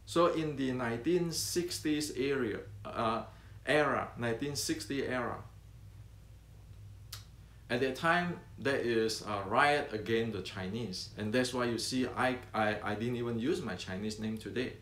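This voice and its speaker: Reverberant and mid-range with a fairly bright tone, this older martial arts teacher from Indonesia speaks unscripted to camera with an Indonesian accent. He's earnest but halting, going over points again and tripping on fillers and restarts.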